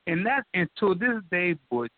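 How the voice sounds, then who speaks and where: An older man telling an animated story in a folksy way, repeating himself and addressing the listener directly. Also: high-pitched, normal speed, no echo. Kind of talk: excited storytelling. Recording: dry, tinny phone line.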